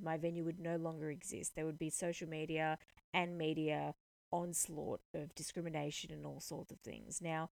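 Low gravelly woman telling a story. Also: no echo. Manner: animated, indignant retelling with quoted dialogue. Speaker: podcast host. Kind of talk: storytelling monologue.

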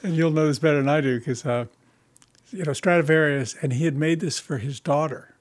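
A man's voice: on the high side, a little fast, no room sound. A man hosting a podcast, asking easygoing questions and reading the closing credits. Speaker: podcast host. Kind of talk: interview chat and scripted outro.

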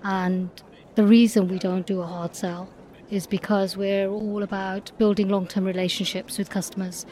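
A woman's voice: mid-range voice, flat delivery, moderate pace, warm tone. Woman talking over faint venue noise. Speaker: event exhibitor, sales and marketing director. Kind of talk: conversational interview answer. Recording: live at busy event, faint noise. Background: venue ambience.

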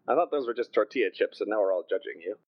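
Animated man bantering on a muffled mic. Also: on the low side, very fast. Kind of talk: casual bantering chat.

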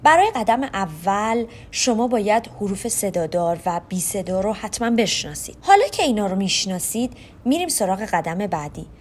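A woman's voice: mid-range voice, very animated, a little hiss or hum. A woman hosting a podcast lesson on French pronunciation, explaining step by step and talking directly to her listeners. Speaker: podcast host teaching French.

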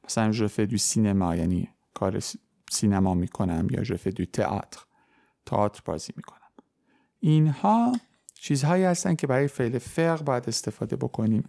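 Mellow-voiced man teaching a language. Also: on the low side, creaky. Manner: patient explaining, slow careful French examples. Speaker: French teacher. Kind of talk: podcast language lesson.

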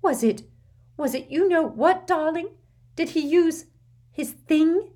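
A woman voicing a shrill, fussing middle-aged mother who shrieks in frantic panic. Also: animated, slow, dark tone, full character voice. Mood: fretful.

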